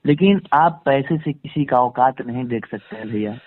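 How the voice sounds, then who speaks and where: As a guest on a phone interview, a man talks conversationally and with emphasis, repeating phrases to drive points home. He has a medium-pitched voice at a moderate pace. The phone-line recording is dry, tinny, and band-limited.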